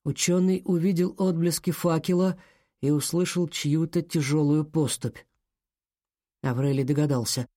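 Guy narrating a kids audiobook, slightly high voice, steady pace, dry sound. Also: no echo. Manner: measured, storytelling delivery.

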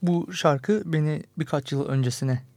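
A man hosts a radio music show in a casual, joking way. His voice has a gravelly edge and sits a little high, and the studio sound is dry and close. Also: moderate pace, a little mellow, no echo. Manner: playful, self-mocking banter. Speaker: radio host.

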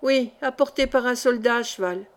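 A woman's voice: a little high, moderate pace, lightly acted. A woman voicing a naive, touchy young male bread carrier who talks in clipped rustic country speech, in an audiobook. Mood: coaxing.

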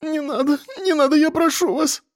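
A man voicing a young woman journalist, a Komsomol volunteer, in a high pleading voice. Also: fairly quick, a little mellow, no room sound, clean studio sound.

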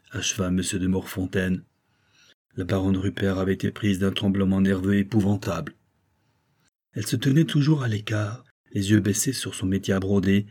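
A man narrates a novel in a measured, even way. His voice is deep and mellow, with a husky grain. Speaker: audiobook narrator. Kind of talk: scripted narration.

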